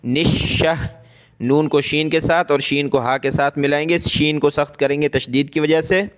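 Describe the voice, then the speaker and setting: A man teaching Quran reading, spelling each word out letter by letter and then reciting it slowly and drawn out. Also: a little high, steady tone, clear, resonant tone.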